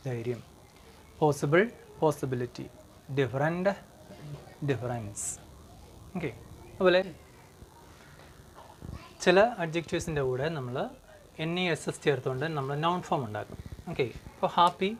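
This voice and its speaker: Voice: medium pitch, slight background noise. Patient grammar teacher. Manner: repeats English examples slowly, fillers of okay and hmm. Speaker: English teacher. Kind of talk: grammar lesson.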